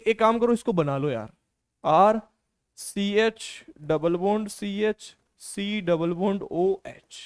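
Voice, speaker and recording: With a high-sitting, clean voice, a man teaches chemistry in a relaxed and encouraging way. He frequently asks students questions, supplies the answers himself, and often addresses them as "beta".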